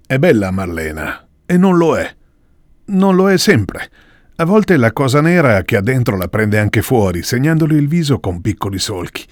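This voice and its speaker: Man, expressive literary reading, varied pitch, dry sound. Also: normal speed, no echo. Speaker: reader. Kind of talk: reading literary fiction aloud.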